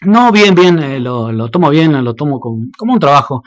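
A man's voice: on the high side, big pitch swings, moderate pace, dry recording. A man from Argentina with an Argentine accent, a local radio announcer telling stories in a casual interview, hesitant and full of fillers. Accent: Argentine Spanish. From Argentina, Jacobacci. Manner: hesitant, many fillers and restarts.

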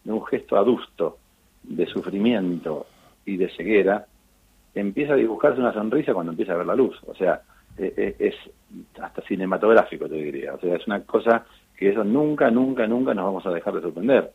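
A middle-aged Argentine man, an eye surgeon, telling stories in a relaxed interview, with lots of fillers and restarts. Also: on the low side, a little fast, husky. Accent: Argentine Spanish. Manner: animated storytelling with frequent fillers and restarts. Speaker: eye surgeon on charity missions. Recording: tinny phone-line sound.

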